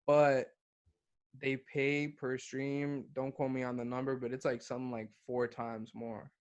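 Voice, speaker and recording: A young man from Guatemala chats loosely as a podcast guest, keeping his pitch level and even. He drops casual swears and keeps saying bro. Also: a little slow, clear, resonant tone, highs cut off. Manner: laid-back, swears freely, calls the host bro. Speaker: podcast guest, hip-hop artist. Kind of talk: casual interview chat.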